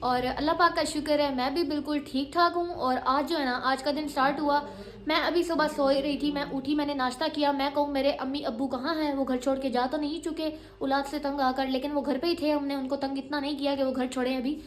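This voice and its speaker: A woman's voice: high voice, fairly even intonation, brisk. A young woman, chatting dramatically in a casual home vlog. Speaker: vlogger.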